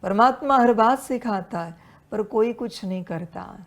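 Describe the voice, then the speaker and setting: A woman's voice: a little high, measured pace. A woman giving a devotional sermon as a spiritual teacher, admonishing her listeners as children with repeated refrains and rhetorical questions.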